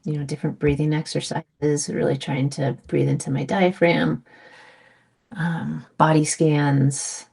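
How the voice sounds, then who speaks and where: A middle-aged woman guest in a casual conversation, talking in a reflective, gentle way with many pauses and fillers. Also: sits low, flat delivery, gravelly, breathy edge.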